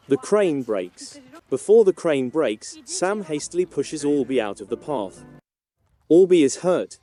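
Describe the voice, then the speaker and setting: A man reading a scripted TV episode recap in a steady, even manner. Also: medium pitch. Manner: steady, even read-through of plot events.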